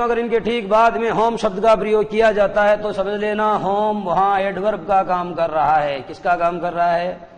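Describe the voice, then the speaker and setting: Man, classroom lecture, fairly high voice, long echo, patient repetition. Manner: explains slowly, repeats points, calls pupils "children". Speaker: teacher.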